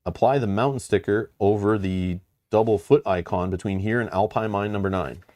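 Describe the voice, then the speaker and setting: A man's voice: lowish voice, moderate pace, warm tone. A man chatting casually through a board game, reading out rules and story text to the other players.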